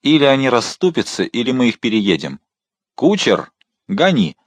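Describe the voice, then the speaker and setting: A man playing a bold, witty young musketeer officer who talks quickly and confidently, with a mocking edge. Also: mid-range voice, very animated, dry recording, studio quality, voice pushed up.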